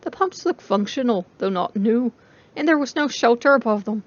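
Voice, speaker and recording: A woman's voice: on the high side, animated, moderate pace, highs cut off. A woman narrator giving a dramatic reading of a story.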